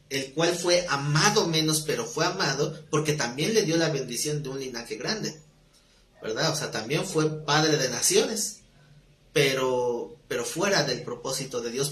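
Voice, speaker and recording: Roomy-sounding preacher, slightly high voice. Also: male voice, a bit bright, slight background noise. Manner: conversational preaching with rhetorical questions and jokes. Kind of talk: live sermon. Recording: roomy live-stream audio.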